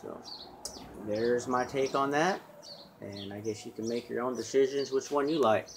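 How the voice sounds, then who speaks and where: A man films a casual, unscripted test of his solar gear with a handheld camera, speaking plainly while rambling through fillers and restarts. His voice is mid-range at a moderate pace, with slight background noise.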